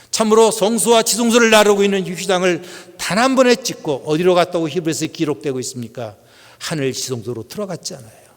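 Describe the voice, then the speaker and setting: A man's voice: sits high, long reverb tail. A middle-aged male pastor preaching a Sunday sermon in a conversational way, putting questions to the congregation. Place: church sanctuary.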